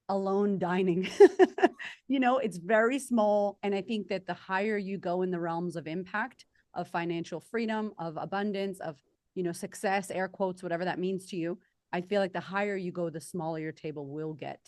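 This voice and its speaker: A woman with an Australian accent and a slightly low voice, recorded close and dry. She talks casually and candidly as a guest, with emphatic, informal phrasing. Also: no echo. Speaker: podcast guest. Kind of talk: casual conversational interview answers.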